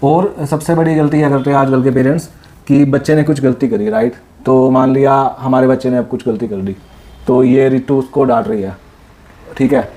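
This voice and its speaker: A man's voice: medium pitch, steady tone, normal speed, warm tone. Earnest man giving parenting advice. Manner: explains earnestly, asks "right?" often. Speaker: co-host, father. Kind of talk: casual parenting advice chat.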